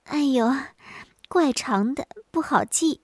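A woman doing a jealous dim wife in a folk tale, blunt and stubborn, highish voice, dry. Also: takes it slowly, breathy edge, dry recording, heavily acted. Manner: sharp, stubborn, offhand.

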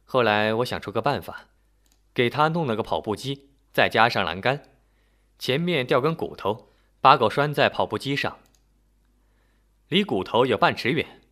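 A man's voice: medium pitch, lively intonation, moderate pace, pauses often, pushed and bright. A man voicing a sheepish young dog owner. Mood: explaining. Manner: explaining, matter-of-fact.

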